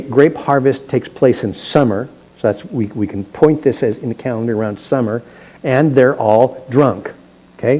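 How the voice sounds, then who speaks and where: Mellow-voiced pastor teaching scripture. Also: male voice, medium pitch, rough recording. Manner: conversational, explanatory asides. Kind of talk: verse-by-verse Bible teaching. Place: church sanctuary.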